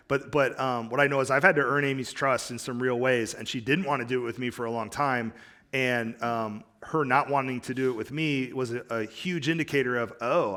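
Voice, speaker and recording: Bright clear-toned guy on a panel, mid pitch, thinking out loud. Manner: reflective, with fillers and restarts. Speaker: panelist at a marriage conference. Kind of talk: candid panel discussion. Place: church conference stage.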